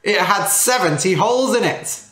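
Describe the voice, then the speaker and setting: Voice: mid-range voice, lively intonation, moderate pace, fairly bright tone, pitched above the performer's own voice, lightly acted. A storyteller voicing a sly, cheerful male trickster with a playful, boastful manner, in a roomy echo.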